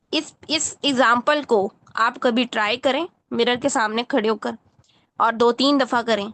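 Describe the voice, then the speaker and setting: A woman's voice: fairly high pitch, a bit bright. A woman teaching Quran recitation in an online lesson, correcting a student patiently and often checking that she follows.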